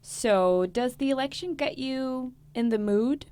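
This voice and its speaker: Woman anchor, measured scripted news intros. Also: sits high, warm tone, clear, resonant tone, no echo.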